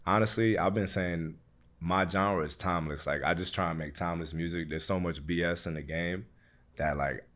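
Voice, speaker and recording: A man of about thirty with a low-pitched voice and a Queens, New York accent. He talks casually, like an artist being interviewed. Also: steady tone, normal speed, fairly bright tone. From Queens, New York, USA. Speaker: guest, hip hop artist.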